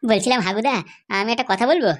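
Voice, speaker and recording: A woman's voice: fairly high pitch, quick pace. A woman voicing characters in a comedy cartoon, with a chatty, persuasive way of talking. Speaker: cartoon voice actor.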